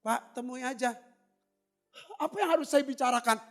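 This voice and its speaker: A man pastor preaching a sermon, telling a story and acting out both sides of the conversation, rising to near shouts at the climaxes. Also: extremely high pitch, normal speed. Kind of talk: sermon with acted-out anecdote. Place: church.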